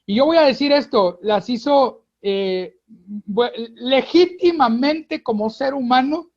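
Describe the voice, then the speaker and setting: A man with a Mexican accent, a pastor speaking as a radio guest, preaching in an earnest, halting way that often repeats words. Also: very high voice, a little mellow, lo-fi sound.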